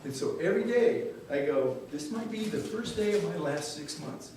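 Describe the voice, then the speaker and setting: A man's voice: sits high, lively intonation, moderate pace, a little mellow, slight background noise. An older man, a dentist, telling a candid personal story at a story-slam, earnest and wry, sometimes swearing for emphasis. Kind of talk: story-slam talk to a live audience. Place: large hall with a live audience. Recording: echoey hall, voice from far off.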